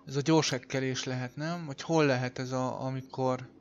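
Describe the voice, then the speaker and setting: A man's voice: medium pitch, fairly even intonation, slight background noise. A man casually commenting on his own game playthrough, thinking aloud, talking to viewers and swearing when he slips up. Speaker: gamer streaming a playthrough. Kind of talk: casual let's play commentary.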